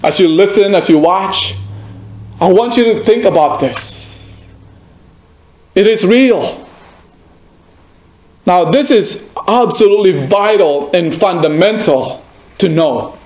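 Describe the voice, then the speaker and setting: Guy preaching a sermon, high voice, slow and emphatic, echoey church room. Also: darkish tone. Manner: emphatic, repeats phrases, asks the listener direct questions. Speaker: pastor.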